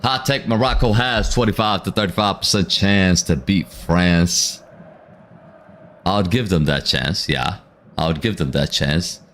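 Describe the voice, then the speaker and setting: Hosting a live football watchalong, a man talks to his chat casually in slang, reading viewer comments aloud between his reactions. He has a low-pitched voice with a fairly bright tone and a measured pace, and there's a little hiss or hum.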